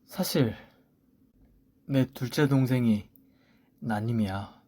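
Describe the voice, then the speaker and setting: A man's voice: mid-range voice, slow pace, warm tone, a little hiss or hum, lightly acted. A man voicing a coaxing, excuse-making sister-in-law. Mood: placating. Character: older sister-in-law, placating but blaming. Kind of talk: story radio voice acting.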